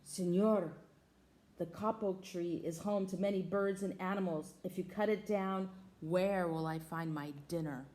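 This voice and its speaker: A woman's voice: on the low side, fairly even intonation, unhurried, a little mellow, a little hiss or hum, close to an everyday voice. A woman doing a growling storybook jaguar. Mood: gruff. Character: growling jaguar, blunt and hungry.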